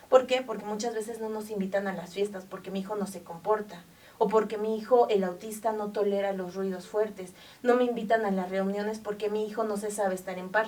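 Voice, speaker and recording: A woman talks with heartfelt emphasis as an interview guest, often pausing on fillers. Her voice sits in a middle register and sounds set back from the microphone, picking up some of the room. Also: mid-range voice, a little mellow, recorded from a distance. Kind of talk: earnest interview talk.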